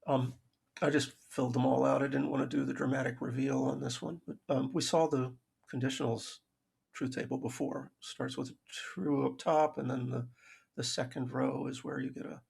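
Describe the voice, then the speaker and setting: A man's voice: mid-range voice, little pitch movement, moderate pace, a little mellow. A man giving a recorded math lecture over slides, explaining logic with dry self-aware humor and frequent restarts. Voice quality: gravelly, husky voice.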